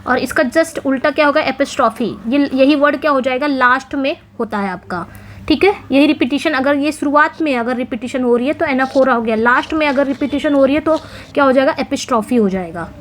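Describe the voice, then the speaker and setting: A woman teaching an English exam-prep lesson, explaining answers step by step and reading English phrases slowly. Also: high voice, a little hiss or hum.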